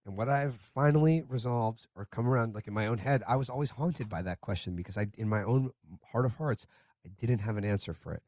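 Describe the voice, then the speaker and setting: A man's voice: medium pitch, brisk, darkish tone, no echo. A man hosting a podcast, speaking earnestly and building up to his point. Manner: earnest, building rhetorical speech. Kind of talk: casual podcast chat.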